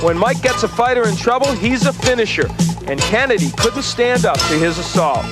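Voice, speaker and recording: A man's voice: high-pitched, animated, moderate pace, loud music behind the voice. A man working as a boxing analyst, with a sports broadcast commentary delivery.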